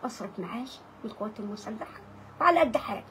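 A woman's voice: a little high, expressive, very fast, fairly bright tone, a little hiss or hum, poor audio. Pleading Egyptian woman in her sixties. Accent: Egyptian Arabic. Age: 60s. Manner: pleading, repeats her words over and over. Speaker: interviewee, widow. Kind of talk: emotional street interview.

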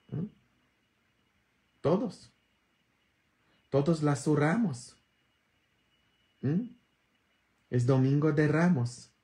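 Slow, bantering priest. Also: male voice, mid-range voice, vocal fry. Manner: bantering, earthy humor, constant tag questions; sudden loud emphatic bursts. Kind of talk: informal sermon.

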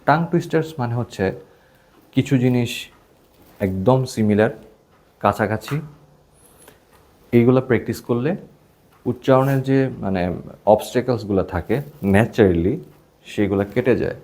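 A man's voice: mid-range voice, a little slow, pauses often, a little mellow. Joking Bangladeshi man teaching English. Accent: Bangladeshi Bengali. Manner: casual, joking, mixes English into Bengali. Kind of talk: classroom lesson.

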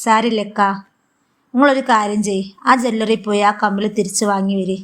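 A woman's voice: medium pitch, steady tone, normal speed, lightly acted. Woman reading a caring daughter-in-law, earnest and reproachful, Malabar accent, storybook. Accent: Malabar Malayalam. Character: kind, firm young daughter-in-law.

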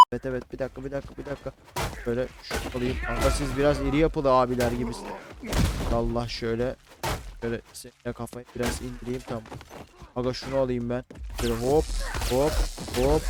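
A young man casually commentating a let's-play, chatty and slangy, shouting and yelping when fights get heated. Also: medium pitch, a little fast, long pauses, background noise. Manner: excitable, shouts and yelps during fights. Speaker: gaming YouTuber. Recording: game music and gunfire behind.

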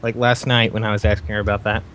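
A man's voice: fairly low pitch, flat delivery, fast talker, a bit bright. A young man casually chatting and joking while playing a game with friends, often breaking into sing-song bits and swearing. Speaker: let's play host. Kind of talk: casual gaming chat.

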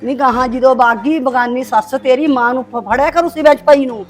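A woman's high voice, steady in tone, brisk and close to everyday speech, plays over soft background music. As a harsh, nagging middle-aged stepmother in a village short film, she scolds sharply in Punjabi with a Punjabi accent.

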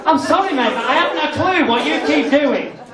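A man's voice: very high-pitched, animated, fairly quick, distant mic, over a noisy crowd. A British man working as a stage hypnotist and comedy show host, with chatty, sweary, matey banter over a handheld microphone. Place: function room with live audience. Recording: echoey amateur camcorder recording, noisy audience.

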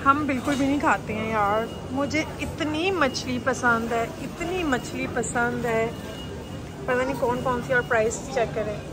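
A woman's voice: sits high, very noisy. Chatty woman vlogging groceries. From Pakistan. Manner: chatty, exclaims at prices and food. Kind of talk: casual shopping vlog chat. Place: large indoor supermarket. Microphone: handheld phone camera. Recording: background music laid over.

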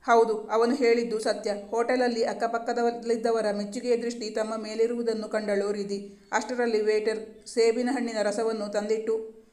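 Flat, measured story narrator. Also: medium pitch, echoey room. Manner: even, measured reading.

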